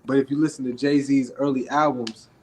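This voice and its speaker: With a flat delivery at normal speed, this young Atlanta rapper speaks as an interview guest in a raspy, medium-pitched voice. His manner is laid-back and full of fillers, though he projects his voice, and the recording is rough.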